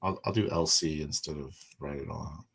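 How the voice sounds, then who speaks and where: A man's voice: extremely low pitch, a little fast, breathy edge, no echo. A man chatting casually and joking around while making characters for a tabletop game.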